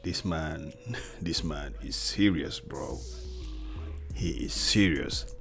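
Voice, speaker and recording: A man with a very low, gravelly voice gives casual, slangy reaction commentary. He talks slowly, and faint film music plays behind him. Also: a bit bright. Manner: exclaiming, slangy, repeats words. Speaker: reaction video host. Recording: film music playing in the background.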